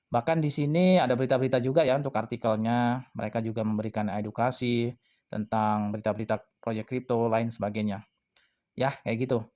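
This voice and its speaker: A man's voice: mid-range voice, darkish tone. A man hosting a crypto channel, casually talking viewers through a project website, chatty and full of fillers. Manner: chatty, filler-heavy, addresses viewers as friends. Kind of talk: casual screen-walkthrough commentary.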